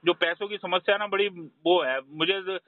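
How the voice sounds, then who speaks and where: A man's voice: sits high, steady tone, moderate pace, dry recording. A man, a loan customer, arguing on a phone call. He is defensive and pushes back at the agent. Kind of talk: heated phone argument. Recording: dry tinny phone line.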